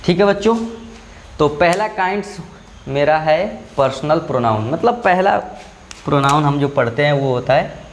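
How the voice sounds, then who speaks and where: A male school teacher giving a slow classroom grammar lesson. He explains step by step and keeps checking that the class follows. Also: on the high side, animated, a little hiss or hum.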